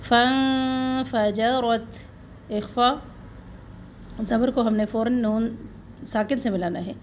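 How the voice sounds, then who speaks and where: A woman with a Pakistani Urdu accent teaching Quran recitation, who patiently demonstrates words slowly and then corrects and explains them. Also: on the high side, mellow, slight background noise. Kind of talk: Quran recitation lesson, slow drawn-out recitation with quick explanations.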